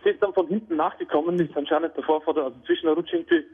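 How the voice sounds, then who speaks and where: A man with an Austrian accent calling a radio show, telling an embarrassing story in an excitable, giggly way. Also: fairly high pitch, very fast, creaky, slightly rough. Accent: Austrian German. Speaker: caller. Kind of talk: telling an anecdote on air. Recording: phone line on radio.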